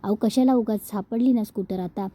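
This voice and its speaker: A woman's voice: medium pitch, a little fast, warm tone, natural voice. A woman reading a deferential village constable. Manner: respectful, pleading.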